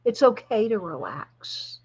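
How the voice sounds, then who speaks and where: A woman spiritual guide leading a guided relaxation meditation in a soft, soothing, spa-like manner. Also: mid-range voice, very animated, husky, muffled recording. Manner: soft, soothing, slow-paced spa-like delivery.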